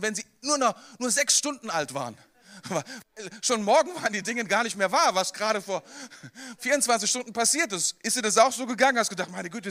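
A man preaching a sermon in a conversational, animated way, often speaking straight to the listener with questions. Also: high-pitched.

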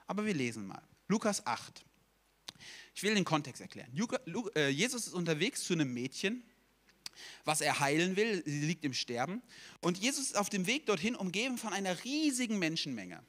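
A young man preaching a sermon, telling stories in a lively way and acting out quotes casually. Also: high-pitched, a little fast.

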